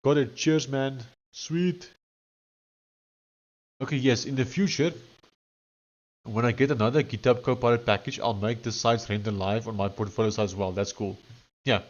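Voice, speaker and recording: A man's voice: medium pitch, fairly even intonation, fairly quick. Man with a thick Afrikaans accent, slightly dull mic. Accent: thick Afrikaans South African. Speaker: live streamer coding on screen. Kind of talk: casual live-stream chat mixed with dictated instructions.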